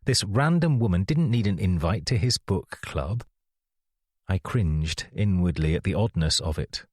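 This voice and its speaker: Male reader, very low voice, dry studio read, wry and measured for a first-person thriller. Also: expressive, a little mellow, dry recording. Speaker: audiobook narrator. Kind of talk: scripted audiobook narration.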